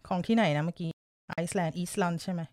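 A woman from Thailand hosts a casual live-stream news show from an upstairs room at home, talking at a racing pace in a lowish, darkish voice. Chatty and giggly, she reads viewer comments aloud while nursing a lingering cough.

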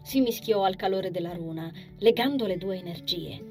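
A woman reading a fantasy novel aloud in a calm, even storytelling manner. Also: medium pitch, moderate pace, music in the background. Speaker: audiobook narrator. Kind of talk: scripted narration.

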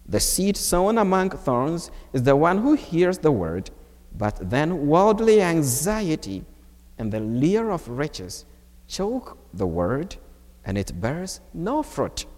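Slow-preaching priest in a church. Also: male voice, darkish tone. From Ghana. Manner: slow, measured preaching with wide swings of pitch. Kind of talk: homily at Mass. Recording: long church reverb.

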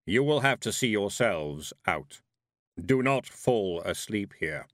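A man voicing Death, a calm, courteous skeletal reaper who speaks slowly and formally. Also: fairly low pitch, no echo, studio quality. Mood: grave. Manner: slow, measured, formal.

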